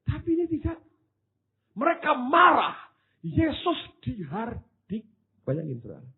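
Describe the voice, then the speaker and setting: Animated Indonesian pastor with husky voice. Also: male voice, fairly high pitch. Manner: dramatic, swings from hushed asides to loud exclamations; drops into casual Javanese-flavoured slang for humour. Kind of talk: sermon. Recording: tinny phone-like sound.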